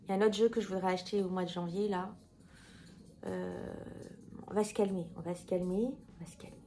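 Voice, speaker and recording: A woman talks casually to her viewers in a mellow, warm voice, rambling and correcting herself as she goes. A faint background hiss sits under her speech. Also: on the low side, fairly even intonation, a little fast. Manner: chatty, rambling, many fillers and self-corrections. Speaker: tarot video creator. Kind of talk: casual talk to camera.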